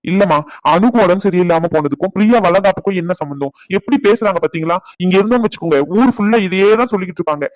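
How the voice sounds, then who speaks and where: A man plays an indignant cartoon son defending his wife, his lines racing out at a very fast clip. The voice sits fairly high for a man and is recorded dry and close. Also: dry recording, lightly acted, rough recording. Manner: indignant, rapid arguing. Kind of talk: cartoon family-drama voice acting.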